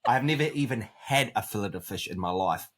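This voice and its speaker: A man, co-hosting a podcast in casual chat, relaxed and a little hesitant, with sarcastic humor. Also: lowish voice, quick pace, slightly rough. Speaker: podcast co-host.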